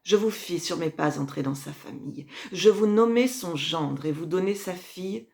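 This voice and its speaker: Imperious and proud, this actress voices a scheming Roman empress scolding her son in a French classical verse tragedy. Her voice sits on the low side with vocal fry, and her measured, declamatory monologue alternates quiet dips with forceful swells.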